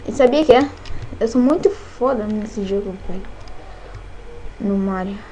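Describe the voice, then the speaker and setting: A woman with a Brazilian Portuguese accent, excitedly commentating her own gameplay, cursing and shrieking at every scare. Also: mid-range voice, a little slow, a little hiss or hum, low-quality recording. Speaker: gameplay channel host.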